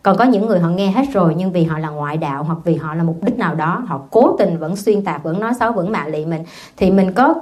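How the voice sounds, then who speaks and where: A woman who is a Buddhist nun, giving a dharma talk with lively storytelling and questions to her listeners. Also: lowish voice, quick pace.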